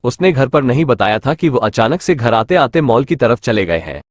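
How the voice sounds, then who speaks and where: A man's voice: mid-range voice, moderate pace, no room sound. A man narrating an audio novel in scripted storytelling, close to a dry mic. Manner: storytelling, expressive.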